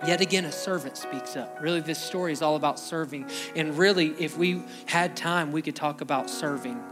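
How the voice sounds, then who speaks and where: Male pastor, slightly high voice, preaching a sermon with storytelling over clear backing music. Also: a little fast. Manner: preaching with storytelling and acted quotes. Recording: music playing behind the voice.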